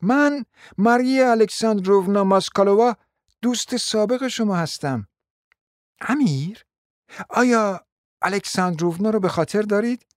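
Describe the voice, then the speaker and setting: A man's voice: high-pitched, long pauses, dry recording, clean studio sound, pitched above the performer's own voice, close to an everyday voice. A man voicing a proud, formal society lady. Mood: formal, polite. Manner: formal, insistent. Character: proud middle-aged mother, society hostess.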